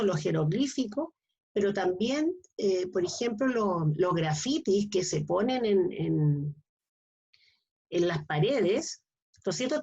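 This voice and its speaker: Speaking in a husky, slightly mellow mid-range voice, a middle-aged woman lectures an online class. She keeps asking checking questions to make sure students follow, all captured in dull, lo-fi audio.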